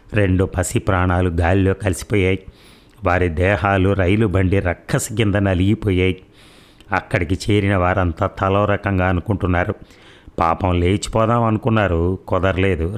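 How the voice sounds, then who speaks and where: A man telling a story in a steady, earnest way, adding heartfelt remarks of his own. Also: deep voice. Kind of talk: storybook narration.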